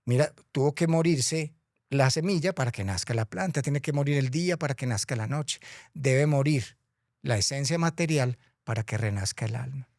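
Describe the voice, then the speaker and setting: Calm wise lady death, man doing her, slow soft talk, story voice, dry. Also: medium pitch, vocal fry, dry recording, close to an everyday voice. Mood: gentle. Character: calm wise female Death, gentle sower of souls.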